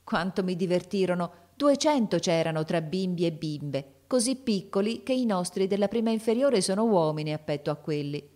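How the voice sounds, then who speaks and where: A woman narrating an audiobook of a classic novel, reading expressively and lifting her voice for the characters' shouts. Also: fairly low pitch, expressive, normal speed, hardly any pauses.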